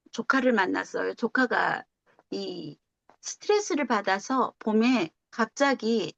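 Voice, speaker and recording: A woman's voice: on the high side, gravelly, dry recording. A middle-aged woman telling a personal story at a religious gathering, acting out dialogue and laughing often. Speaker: lay member sharing a story at a meditation gathering. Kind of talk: casual storytelling testimony. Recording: dull lo-fi close recording.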